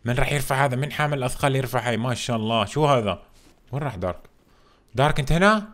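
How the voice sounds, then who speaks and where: A man hosting a gameplay video, commenting in an animated, jokey way and exclaiming often. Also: medium pitch, racing. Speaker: gaming video host.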